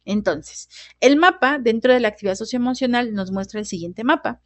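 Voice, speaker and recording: A woman teacher explains emotions in a relaxed, conversational way. She keeps checking in with her listeners as she talks. Her voice sits a little high and sounds dry and close. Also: brisk, no room sound. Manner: conversational, tag questions like "¿no?" and "¿vale?". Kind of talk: lecture on emotions.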